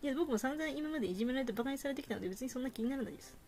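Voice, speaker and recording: A tactless otaku schoolboy rattles off his opinions in a bright, raised pitch, with a woman acting him out. He talks fast and never notices he has said too much, with soft music under him. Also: expressive. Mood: matter-of-fact. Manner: cheerfully tactless, matter-of-fact. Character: blunt nerdy teenage otaku boy. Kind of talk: reading game dialogue aloud.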